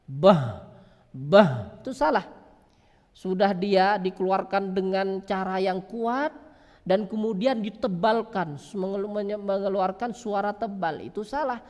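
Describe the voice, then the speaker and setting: Slow, high-voiced male teacher, hall echo. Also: fairly even intonation, a little mellow. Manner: asks questions and answers them himself; drawn-out sound demonstrations. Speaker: Quran recitation teacher. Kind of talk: religious lesson on pronunciation. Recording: long hall reverb.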